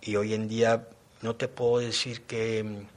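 A man's voice: fairly low pitch, flat delivery, unhurried. A middle-aged man, reflecting on his time in a men's non-violence program and explaining his points with everyday examples. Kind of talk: personal testimony.

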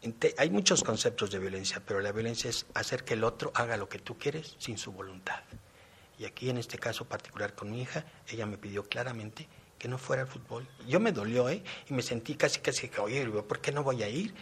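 Man, middle-aged, husky voice, reflective personal testimony. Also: medium pitch, animated, a little fast, a bit bright. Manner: reflective, explains with everyday examples. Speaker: participant in a men's non-violence program.

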